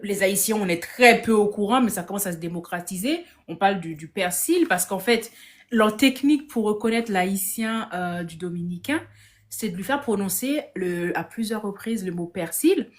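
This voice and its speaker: Woman telling a story with lively restarts. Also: medium pitch, normal speed. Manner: lively anecdotal telling, acts out others' lines, frequent restarts. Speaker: guest on a live discussion. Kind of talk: casual storytelling in a live video chat. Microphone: phone on a live stream.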